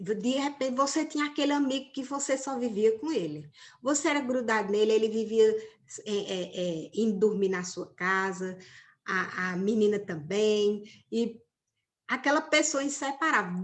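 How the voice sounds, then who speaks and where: Leading an online religion lesson for a teenage group, this female teacher keeps things conversational and frequently pauses to see how her students are doing. Her pitch sits fairly high.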